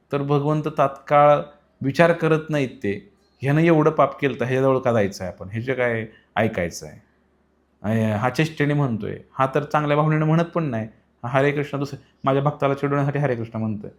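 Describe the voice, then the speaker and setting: A man giving a devotional sermon in a storytelling style. He explains patiently and rises in pitch and volume for emphasis. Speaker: devotional preacher.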